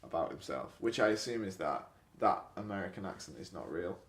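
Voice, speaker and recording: A man's voice: low-pitched, a little fast. A man co-hosting a podcast, talking casually and analytically about a film with lots of fillers. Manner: relaxed, analytical, many fillers. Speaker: podcast co-host. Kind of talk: casual film review chat. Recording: echoey room.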